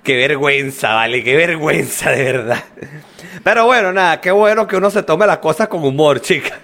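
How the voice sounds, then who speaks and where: A man's voice: fairly high pitch, moderate pace. A man with a Venezuelan accent, co-hosting a podcast in casual chat, telling stories animatedly and acting out the voices of the people in them. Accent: Venezuelan Spanish. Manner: animated storyteller, acts out quoted voices, laughs often. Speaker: podcast co-host.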